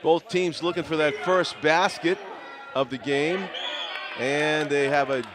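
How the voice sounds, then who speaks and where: A man's voice: a little high, a little slow, crowd noise. A man doing play-by-play commentary for a youth basketball game in a school gym. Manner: steady play-by-play calling names. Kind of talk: local sports commentary. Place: school gymnasium. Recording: noisy gym ambience.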